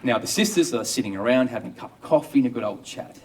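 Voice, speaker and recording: A man's voice: mid-range voice, animated, fast talker, darkish tone, far from the mic. An Australian man, an obstetrician, telling a first-person story with wry, dry humour.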